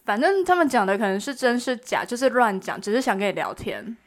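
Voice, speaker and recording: A woman's voice: a little high, sing-song, brisk. A woman co-host talking in a casual, conversational chat style.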